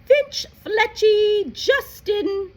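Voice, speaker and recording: A woman reading a storybook aloud, voicing a stern female professor who announces names loudly and drawn out. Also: extremely high pitch, animated, extremely slow, pitched above the performer's own voice, full character voice. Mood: calling out.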